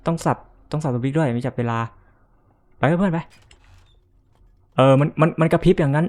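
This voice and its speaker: A man's voice: fairly high pitch, brisk, a little mellow, soft background music. A man giving casual let's-play commentary as a gaming YouTuber, joking around, swearing often and yelping in panic at scares.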